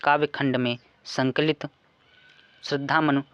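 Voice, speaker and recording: A man teaching a class through an exam paper, reading verses slowly and repeating key words. His voice sits at an ordinary middle pitch. The sound is dry and slightly dull. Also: level tone, fairly bright tone, clear, resonant tone, no echo. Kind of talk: exam paper walkthrough lesson.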